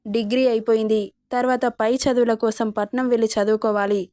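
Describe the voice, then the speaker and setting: A woman's voice: a little high, flat delivery, a little fast, darkish tone, dry recording, studio quality, lightly acted. A woman voicing a defiant young woman student. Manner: firm, pleading.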